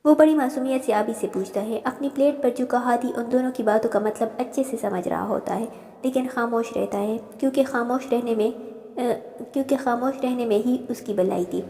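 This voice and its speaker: A woman narrating a novel in a steady, measured reading. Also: on the high side. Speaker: novel reader. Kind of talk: storybook narration. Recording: roomy reverb.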